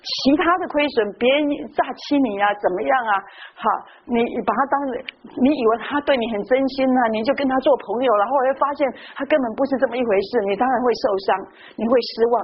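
A middle-aged Taiwanese woman preaches a lively sermon full of personal stories, speaking fast in a high voice and tagging her phrases with little "ha"s. The recording is dull and lo-fi, with a faint hiss.

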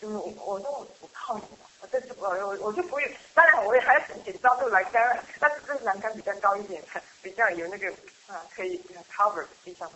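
A middle-aged woman sharing a personal church testimony in a chatty, halting way, with frequent laughs and restarts. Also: medium pitch, pushed and bright, a little hiss or hum, poor audio. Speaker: church member giving a testimony. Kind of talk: casual spoken testimony.

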